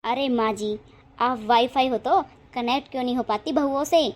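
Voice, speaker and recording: A woman's voice: fairly high pitch, moderate pace, natural voice. A woman voicing a bold younger daughter-in-law in a cartoon. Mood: defiant. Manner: bold and defiant, later apologetic.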